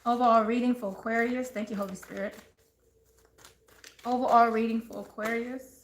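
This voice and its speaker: A tarot reader, born in Texas and raised around Maryland and DC, does a live reading, chatting, laughing a lot, and speaking directly to viewers. Her voice is a little high and steady, at a normal pace. The room echoes, with faint noise.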